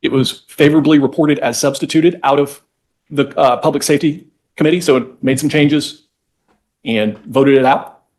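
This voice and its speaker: Speaking a little high and a little mellow, a lawyer lays out legal history for the judge in a careful, explanatory manner that occasionally halts.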